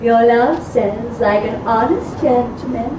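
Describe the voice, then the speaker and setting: Lovesick young girl, eager and pleading, woman on stage; very high, roomy distant sound. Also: lively intonation, slow pace, full character voice. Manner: eager, pleading, repeated urging. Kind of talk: stage acting. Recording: roomy hall, faint noise, from far.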